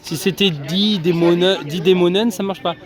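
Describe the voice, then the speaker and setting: Crowd noise surrounds a French vlogger with a high voice as he talks to his viewers at a busy theme park. His commentary is relaxed and full of fillers, delivered at normal speed.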